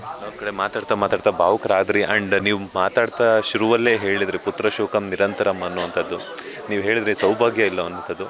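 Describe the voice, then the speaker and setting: A male entertainment reporter with a Kannada accent asking gentle, consoling interview questions. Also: lowish voice, flat delivery, brisk. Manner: gentle, consoling, mixes in English words. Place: outdoors at an event with a crowd. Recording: crowd noise behind.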